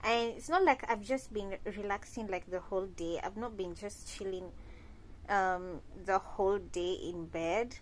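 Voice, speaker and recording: Filming on a phone held near her face while lying in bed, a young woman from Kenya chats to camera for her lifestyle vlog, addressing viewers as "guys." She speaks unhurriedly at a medium pitch, and the audio quality is poor.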